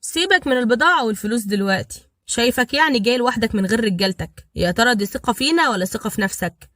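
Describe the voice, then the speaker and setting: A woman's voice: a little high, expressive, very fast, fairly bright tone, no room sound, clean studio sound. A woman doing a hot-tempered Egyptian gang boss. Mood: sly. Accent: Egyptian Arabic. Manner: sly, then barking orders.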